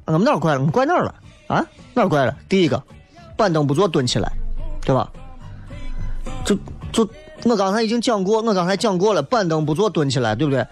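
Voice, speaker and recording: A man in his thirties from Shaanxi, with a Guanzhong Shaanxi accent, hosting a humorous, colloquial ranting monologue full of animated rhetorical questions. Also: high-pitched, fast, pauses often, soft background music. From Shaanxi, China. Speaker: show host.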